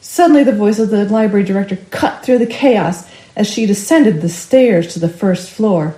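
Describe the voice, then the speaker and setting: A woman's voice: medium pitch, normal speed, reverberant, poor audio. Woman narrating a ghost story. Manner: expressive, rising with the action. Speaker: storyteller for a library.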